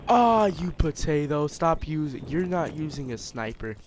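Guy trash talking in a shooter game, bouncy sing-songy taunts, slow drawn-out delivery. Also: on the high side, big pitch swings, noisy background. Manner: taunting, mocking, jokey insults. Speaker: online gamer trolling an opponent.

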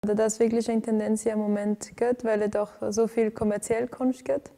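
Brisk and mellow, this woman's fairly high voice keeps a level tone as she responds to interview questions with plenty of fillers and restarts. The setting is a living room with lights arranged for filming, and she is a Venezuelan arts director.

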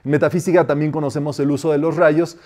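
A man teaching a spiritual class, calmly guiding students and repeating short decrees slowly and softly. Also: fairly high pitch. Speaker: metaphysics teacher.

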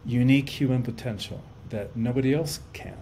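Speaking a little fast in a mid-range, dark voice, this podcast guest is a Cuban life coach and author in his fifties, talking over video call from a room at home. The casual interview finds him earnest and reflective, repeating words while he thinks, over a faint hiss or hum.

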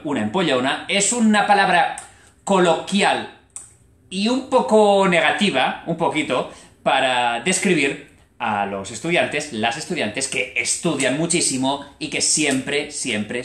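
A young man from Spain teaching a live online Spanish lesson, lively and expressive, slowing down to stress each new word. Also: a little high, echoey room.

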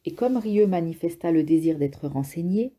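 A woman narrating an audiobook in a steady, even reading voice. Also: lowish voice, moderate pace, slight background noise. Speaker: audiobook reader.

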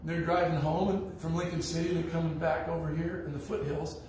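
A man's voice: on the high side, little pitch movement, fairly quick, a little mellow, slight background noise. A man preaching a sermon as pastor, telling stories in a blunt, folksy way. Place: church sanctuary. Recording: echoey church hall from far off.

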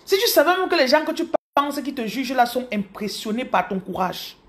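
A Cameroonian business coach with a Cameroonian French accent tells her story as casual motivational storytelling. Her high voice moves fairly quickly, and she is animated, repeats words, and speaks directly to viewers. She records on a phone camera held close.

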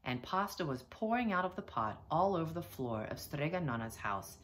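A teacher reading a children's picture book aloud, with expressive storytelling. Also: female voice, low-pitched, moderate pace, a little hiss or hum. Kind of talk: children's read-aloud narration.

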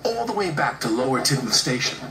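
A man narrating a children's story with expressive, animated delivery. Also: medium pitch, a little fast. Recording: roomy echo with music behind.

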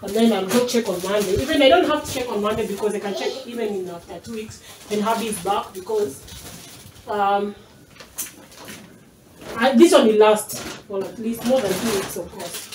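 Kenyan mom chatting in an echoey kitchen. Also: female voice, mid-range voice, moderate pace, recorded from a distance. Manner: chatty, unpacking items while talking, drifting from the camera. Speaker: mom vlogger. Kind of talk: casual grocery haul vlog. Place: small home kitchen, indoors. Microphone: camera mic from across the room. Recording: echoey kitchen, off-mic, noisy.

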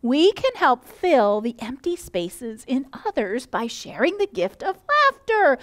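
A woman's voice: high-pitched, sing-song, a little slow. A woman leading a church children's message, upbeat and enthusiastic as she explains.

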